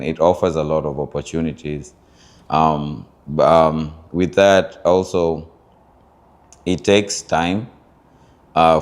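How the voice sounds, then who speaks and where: A Kenyan man with a notably low voice talks through his story as an interview guest. He speaks reflectively, pausing often with fillers while he searches for the right words. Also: a little mellow. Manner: thoughtful, searching for words with many pauses and fillers. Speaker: interview guest, founder of a culture group.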